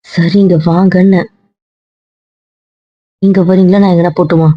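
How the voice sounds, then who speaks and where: A woman playing a husky, hurt young wife. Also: lowish voice, level tone, unhurried, no room sound, dull audio. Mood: pleading. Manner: curt, pleading. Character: hurt young wife, cold then caring.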